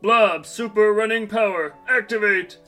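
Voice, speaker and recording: Guy doing a dopey blob superhero, high bright voice, earnest hero talk over light music. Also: steady tone, a little slow. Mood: chatty. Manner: earnest, dopey, heroic declarations. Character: goofy blob superhero, shapeshifting, dim and cheerful. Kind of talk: comedic audio drama acting. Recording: music bed underneath.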